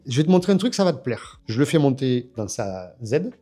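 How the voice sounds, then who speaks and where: A man in his fifties from France tells his story as a guest in a casual interview, hesitating and restarting often. His medium-pitched voice is warm and sing-song, and he talks fairly quickly.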